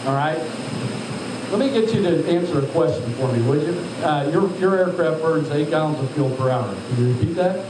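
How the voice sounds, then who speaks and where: Man, slightly high voice, live instructor, directive and questioning, loud machinery noise, echoey. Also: expressive, brisk. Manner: directive, questioning, addresses trainees as sir. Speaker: altitude chamber instructor. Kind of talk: live instruction, checking on trainees. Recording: echoey, distant mic, loud machinery hum.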